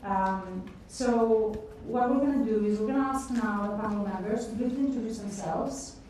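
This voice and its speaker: A woman's voice: mid-range voice, moderate pace, darkish tone, slight background noise. Woman moderating a panel in an echoey hall. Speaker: event moderator. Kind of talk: hosting a panel discussion. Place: university lecture theatre. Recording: echoey lecture theatre from far off.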